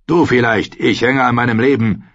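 A man reading an audiobook voices a brutal, scornful warrior who barks and shouts his commands. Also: medium pitch, fairly even intonation, moderate pace, no room sound, muffled recording. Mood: harsh barking.

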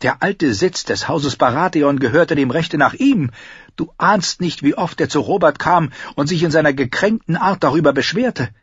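A male audiobook narrator voicing a proud, sharp-tongued noble queen in a raised, commanding voice. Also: a little high, animated, moderate pace, breathy edge, dry recording, lo-fi sound, pitched above the performer's own voice. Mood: musing. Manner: commanding, scornful, breathless when thrilled.

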